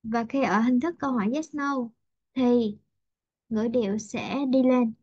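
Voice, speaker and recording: A woman teaches a class online, patiently repeating example sentences at a slow, careful pace. Her voice sits a little high. The video call audio is muffled and dry. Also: a little mellow, no room sound. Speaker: English teacher.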